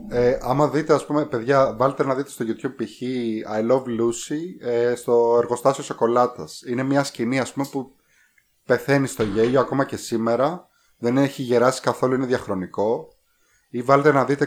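A man co-hosting a podcast, chatting casually about films and rambling with many hesitations. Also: mid-range voice. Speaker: podcast co-host. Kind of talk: casual film review chat.

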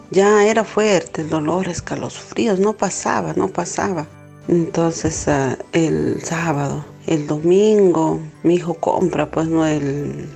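A middle-aged woman telling an emotional personal testimony, halting and repeating words, with many filler questions. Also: sits low, vocal fry, darkish tone. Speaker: testimony giver.

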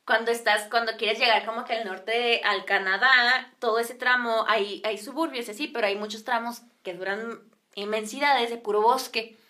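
A young woman with a Mexican accent, telling a casual anecdote in an animated way and acting out the quotes. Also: on the high side, normal speed.

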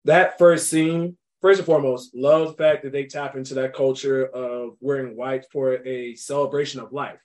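A young man hosting a casual podcast about a movie, talking in an animated, emphatic way and laughing often. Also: medium pitch, moderate pace, few pauses. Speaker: podcast host.

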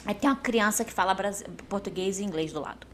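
A woman from Brazil chatting casually, telling lively stories, acting out quoted dialogue and laughing often. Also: mid-range voice, quick pace, a little hiss or hum. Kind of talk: casual chat.

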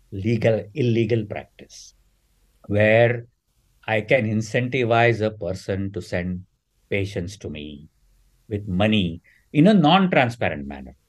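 A man's voice: lowish voice, lively intonation, takes it slowly, poor audio. A middle-aged man, a surgeon being interviewed, explaining in an earnest, emphatic way. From India. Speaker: surgeon and guest. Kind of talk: podcast interview.

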